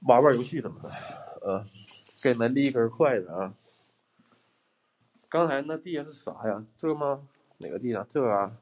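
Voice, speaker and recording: A man's voice: medium pitch, darkish tone. A young man, livestreaming a ghost hunt indoors in an abandoned house. He chats and jokes with his viewers and flares up in mock anger, speaking into a handheld phone. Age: young adult. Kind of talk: casual livestream chat.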